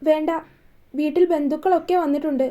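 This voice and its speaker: A woman's voice: high voice, steady tone, fairly quick, lightly acted. A woman doing a sad, lonely young woman. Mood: downcast. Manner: quiet, downcast.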